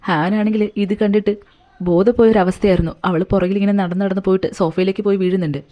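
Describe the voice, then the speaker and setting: Woman telling a movie plot super fast and chatty, kinda dull lo-fi sound. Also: medium pitch, steady tone. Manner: chatty, colloquial retelling. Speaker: movie recap narrator. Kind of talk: casual movie recap storytelling.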